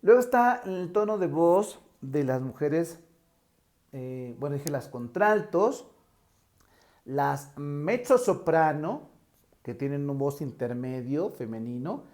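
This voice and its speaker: A Mexican man with a tenor voice teaching an online lesson, acting out pitch examples as he goes. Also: lively intonation, takes it slowly, a little mellow. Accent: Mexican Spanish. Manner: demonstrative, shifts pitch to show examples. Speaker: teacher trainer.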